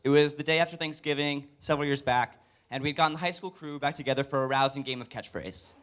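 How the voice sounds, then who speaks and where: A young adult man giving a wedding toast as best man, joking with deliberate comic pauses. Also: on the high side, fairly bright tone, clean tone. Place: live speech at a wedding reception.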